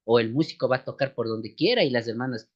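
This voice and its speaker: A man's voice: medium pitch, quick pace. A man with a slight cold teaching a church music lesson, explaining step by step and calling his listeners sisters and brothers. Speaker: seminary teacher. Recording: dull lo-fi recording.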